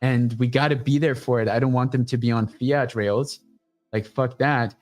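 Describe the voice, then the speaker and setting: With soft music in the background, a man appears as a guest on a laid-back livestream and pitches his startup. He talks at a moderate pace, energetic, foul-mouthed and direct.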